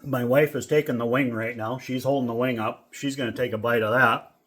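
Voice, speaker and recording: A middle-aged man from Minnesota casually reviewing food in a relaxed, rambling vlog with lots of fillers. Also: medium pitch, a little fast. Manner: rambling, easygoing, with many fillers. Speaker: vlogger.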